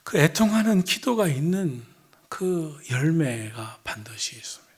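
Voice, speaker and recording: Husky middle-aged Korean pastor preaching. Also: male voice, on the high side, very animated, a little slow. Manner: earnest, swings between soft hushed lines and loud emphatic ones. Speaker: senior pastor. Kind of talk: evening church sermon.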